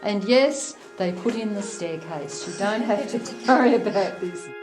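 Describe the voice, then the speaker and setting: A woman's voice: mid-range voice, animated, measured pace. An Australian woman guiding a cave tour, telling its history in a chatty, wry way, her voice ringing with cave echo. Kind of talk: guided tour talk. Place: inside a limestone show cave. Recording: echoey cave with loud music behind. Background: loud music.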